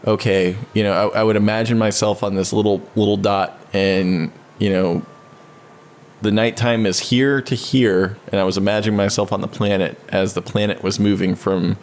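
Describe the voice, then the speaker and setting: Low-voiced man musing in casual chat. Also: steady tone, normal speed, a little mellow, a little hiss or hum. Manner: rambling, with many restarts, briefly mimics others in a high voice. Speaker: podcast co-host. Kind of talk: casual conversation. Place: home studio.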